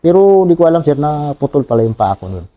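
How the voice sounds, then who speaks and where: Soft-spoken Filipino soldier, very dark tone. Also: male voice, a little high, expressive. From Philippines. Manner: plain and halting, often adds a polite "sir". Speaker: wounded soldier, interview guest. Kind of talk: personal war story in an interview.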